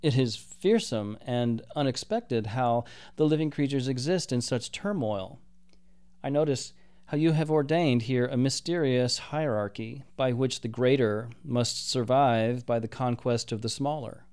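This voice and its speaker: A man voicing a solemn, measured archangel captain who speaks in a formal, archaic way. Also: mid-range voice, darkish tone, clear, resonant tone, lightly acted.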